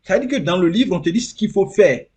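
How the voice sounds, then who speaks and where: Earnest husky man. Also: high voice, expressive, fast talker, a little mellow. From Côte d'Ivoire. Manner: earnest, repeats phrases for emphasis. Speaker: interview guest. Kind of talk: casual interview.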